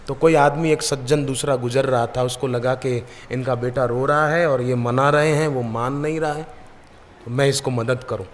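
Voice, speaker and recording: A man preaching at a devotional gathering, at a mid-range pitch. He tells his parables in a lively way and slips into the voices of the people in them. His words ring out with the long reverb of a large hall. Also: normal speed, a little hiss or hum. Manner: lively storyteller who acts out the people in his anecdotes. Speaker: spiritual preacher. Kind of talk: devotional sermon with storytelling.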